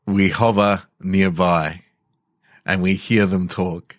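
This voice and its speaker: A man narrating an improvised scene slowly and descriptively, with a few fillers. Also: sits low, fairly even intonation, dry recording, clean studio sound. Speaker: storyteller.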